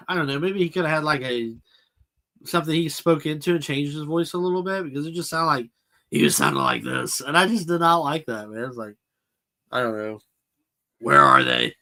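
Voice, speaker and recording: A man's voice: fairly high pitch, a bit bright. A man hosting a casual live chat about toys and films, answering viewers' comments as he goes. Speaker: toy collector channel host.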